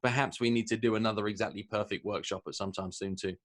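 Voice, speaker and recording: A man with a fairly low voice hosts an interview over a remote call. He speaks in a measured way and builds long, winding questions. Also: steady tone. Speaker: podcast host. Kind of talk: interview host.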